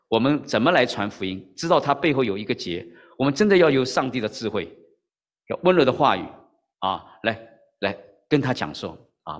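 A lowish male voice trails off into long reverb as the pastor preaches a storytelling sermon in a Mandarin-speaking church manner. Animated throughout, he performs the dialogue and frequently turns to listeners with "OK?"

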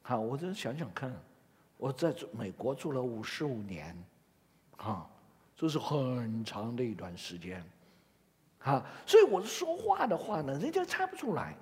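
An older man preaching a sermon, reading scripture and asking his listeners questions in an expressive way. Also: medium pitch, unhurried. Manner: expressive, asks the audience questions. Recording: long hall reverb.

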